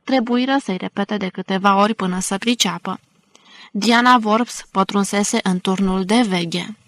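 Audiobook narrator: woman, measured even delivery, dry close sound. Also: medium pitch, no room sound. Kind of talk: scripted narration.

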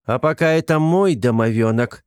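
A man voicing a stout, bossy woman of forty who runs a kitchen and scolds loudly. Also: medium pitch, moderate pace, clear, resonant tone, no echo, studio quality, lightly acted. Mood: defiant. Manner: brash, scolding.

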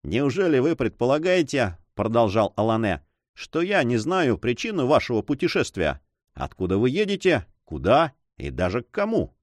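A man's voice: medium pitch, very animated, normal speed, dry recording, studio quality, natural voice. A man voicing a confident French adventurer who teases with a smirk in his tone. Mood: mocking. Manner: teasing, self-assured. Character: mocking confident French adventurer, adult male.

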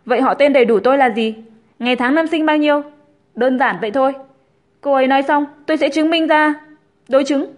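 A cold, blunt young man, as a woman narrator plays him, curt and scornful in a spoken storybook. The voice stays high and bright, with no real drop into a male register. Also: fairly quick, lightly acted. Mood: insistent.

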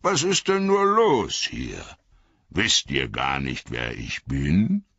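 A man voicing a jolly, loud old man who talks in a drawn-out sing-song, in a dull, lo-fi recording. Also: very deep voice, wildly swooping pitch, husky, dry recording, heavily acted. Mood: jolly, booming.

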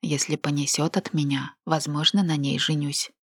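Woman reading as cold controlling guy, low husky voice, flat and slow. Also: dry recording, studio quality. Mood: cold, level. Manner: flat, measured, unhurried. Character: man, cold domineering manipulative lover.

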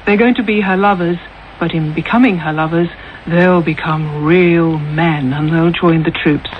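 Phone-like noisy radio, woman, presenter, explanatory talk, fairly low voice. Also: steady tone, moderate pace. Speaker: programme presenter. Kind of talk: explaining in a radio interview clip. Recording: tinny, noisy radio broadcast.

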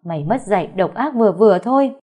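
A woman voicing a hot-tempered older mother-in-law who scolds loudly. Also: mid-range voice, animated, fast talker, breathy edge. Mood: furious. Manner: loud, scolding, harsh.

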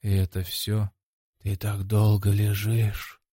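Мужчина изображает мрачный шипящий внутренний голос. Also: male voice, fairly low pitch, monotone, takes it slowly, breathy edge, no room sound, clean studio sound. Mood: gloomy calm. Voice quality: dark, slightly hissing. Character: gloomy hissing inner voice, male. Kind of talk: audiobook character voice.

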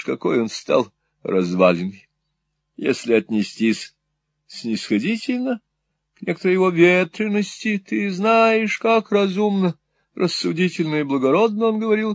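A man's voice: a little high, no echo, voice pushed up, heavily acted. A man voicing a fussy, long-winded middle-aged mother who rambles in a prim, flustered way. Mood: fretful. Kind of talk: audiobook character voice.

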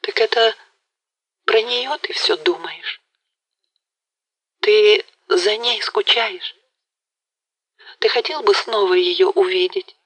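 A woman's voice: mid-range voice, slow pace, long pauses, fairly bright tone, breathy edge, pitched above the performer's own voice, rough recording. A woman voicing a tearful, jealous young woman who pleads in a faltering, breathless voice in an audiobook. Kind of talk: audiobook character reading.

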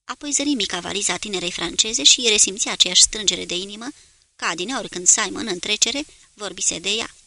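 A woman narrating an audiobook in a steady, clear manner. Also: medium pitch, dry recording.

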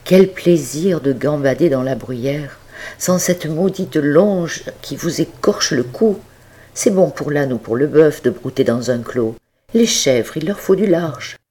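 A woman voicing a young female goat from a storybook, gentle, polite and stubborn, pleading to be let go. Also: sits low, lively intonation, slow, slightly rough, exaggerated voice. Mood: longing. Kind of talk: storybook character reading.

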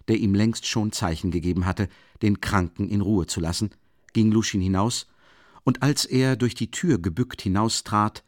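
A man narrating an audiobook in a measured, expressive storytelling manner. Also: fairly low pitch, no room sound, clean studio sound. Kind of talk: scripted narration.

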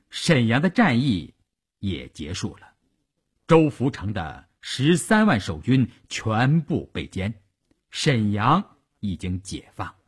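A man's voice: medium pitch, slightly rough. A man narrating a long radio story in a dramatic, strongly varied delivery.

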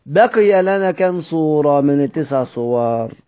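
A man's voice: on the high side, animated, mellow. A man with an Egyptian accent teaching Quran recitation. He reads a classical text aloud, then explains it in colloquial speech and keeps asking questions. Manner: slowly spells out word examples.

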